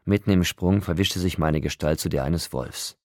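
Deep-voiced male audiobook narrator. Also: moderate pace, no room sound, studio quality. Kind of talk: first-person novel narration.

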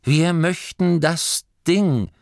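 A man's voice: fairly high pitch, big pitch swings, moderate pace, vocal fry, no room sound, clean studio sound, voice pushed up. A man voicing an honest, puzzled young male gnome hunter in a storybook reading, plain and earnest.

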